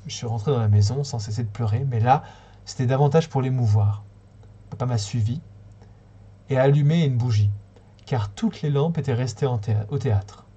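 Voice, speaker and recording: Mellow, husky-voiced male storyteller. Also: mid-range voice, moderate pace, lo-fi sound. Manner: calm, steady storytelling with small slips. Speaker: reader. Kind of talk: reading a short story aloud on a livestream.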